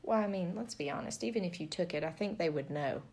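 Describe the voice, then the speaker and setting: A woman's voice: lowish voice, quick pace, a little mellow. A woman co-hosting a casual book discussion, chatty and wry, laughing often. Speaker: podcast co-host.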